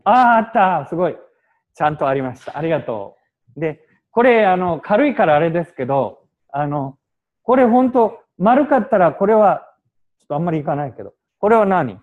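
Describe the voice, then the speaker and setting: Guy teaching a language class, mixes in english words, lively bouncy delivery. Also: sits high, moderate pace, phone-quality sound. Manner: animated, explains with examples and short English glosses. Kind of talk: classroom lecture mixing Japanese and English.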